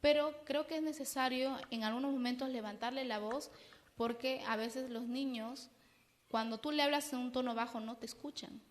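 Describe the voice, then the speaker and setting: Higher-voiced Peruvian woman psychologist, echoing. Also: fairly even intonation, normal speed. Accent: Peruvian Spanish. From Peru. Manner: explanatory, keeps checking in with "¿no?". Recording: long reverb.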